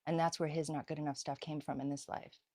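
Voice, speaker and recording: Speaking fast in a low-sitting voice, a middle-aged healer and psychic medium recounts a story in a relaxed interview. She laughs frequently and performs the dialogue she quotes with lots of animation, and there's no room sound.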